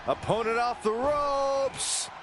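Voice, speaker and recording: A man voicing an excitable play-by-play wrestling announcer who calls each move in scripted video game commentary. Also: extremely high pitch, takes it slowly, heavy background noise. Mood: excited. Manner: excitable, calling moves.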